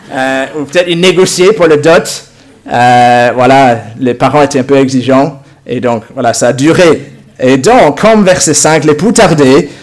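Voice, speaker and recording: A man, acting out a Bible story with volunteers and props, lively and lightly humorous. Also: on the high side. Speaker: preacher.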